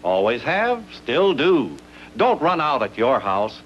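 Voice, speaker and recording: A man's voice: mid-range voice, very animated, slow pace, a bit bright, slight background noise. A man announcing a commercial in an upbeat, emphatic selling voice, heard as an old 1950s TV broadcast. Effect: 1950s TV broadcast sound. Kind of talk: scripted 1950s TV ad narration. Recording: dull lo-fi 1950s TV soundtrack with faint music.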